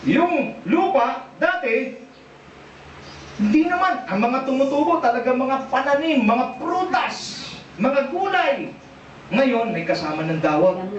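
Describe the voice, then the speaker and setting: A man with a Filipino accent preaching a sermon, animated and asking the congregation questions. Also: extremely high pitch, slight background noise. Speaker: pastor. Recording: echoey church, distant dull mic.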